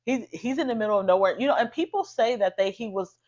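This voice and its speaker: A woman co-hosting a casual podcast chat, retelling a haunting story with halting restarts. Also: on the high side, expressive, a little mellow. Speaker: podcast co-host. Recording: dull lo-fi sound.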